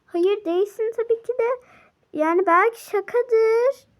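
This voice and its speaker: A calm young female friend in a toy game role-play, trying to soothe a fight , as a woman voices her. Very high, gentle voice. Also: measured pace. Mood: soothing.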